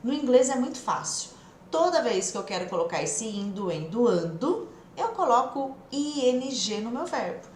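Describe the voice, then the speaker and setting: A woman from Brazil who speaks Portuguese natively, teaching an English lesson live and lively, repeating phrases for practice. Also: a little high, normal speed, reverberant, a little hiss or hum.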